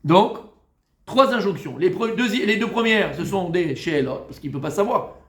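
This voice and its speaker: Man, rabbi, high voice, informal Talmud class, teasing and familiar, loud urging to soft coaxing, echoey room. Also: animated, moderate pace. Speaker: rabbi teaching a Torah class. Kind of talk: informal Talmud lesson to a live group.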